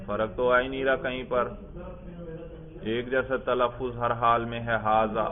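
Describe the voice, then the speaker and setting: A man's voice: medium pitch, flat delivery. A man teaching a grammar class who questions his students, repeats their answers and praises them. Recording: tinny phone-like classroom recording.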